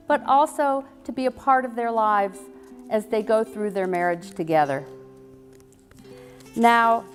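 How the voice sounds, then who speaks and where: A woman wedding officiant giving a scripted ceremony address. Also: high voice. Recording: echoey hall, music behind.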